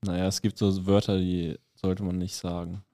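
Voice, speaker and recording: A man's voice: low voice, little pitch movement, normal speed, mellow. A man co-hosting a casual comedy podcast, teasing his friends and laughing often. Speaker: podcast co-host. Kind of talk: casual chat.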